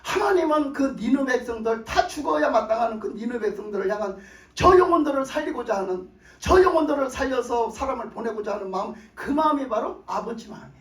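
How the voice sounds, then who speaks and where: A man preaching a sermon as a pastor, telling the story in an animated way and acting out the characters. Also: very high-pitched, fast. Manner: animated storytelling, acts out voices. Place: church hall. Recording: echoey church hall from a distance.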